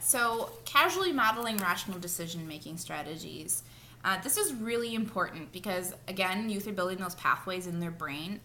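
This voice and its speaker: A woman's voice: fairly low pitch, bright, forceful tone, slight background noise. A woman co-leading a mentor training, talking through slides in a plain, friendly way. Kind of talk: casual training talk.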